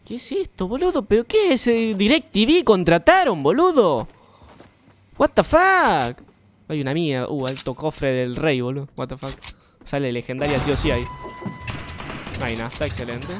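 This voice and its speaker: A young man with an Argentine accent, chatting and swearing freely while streaming a game, now and then bursting into shouts. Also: fairly high pitch, sing-song, normal speed, a little hiss or hum. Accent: Argentine Spanish. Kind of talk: live game commentary.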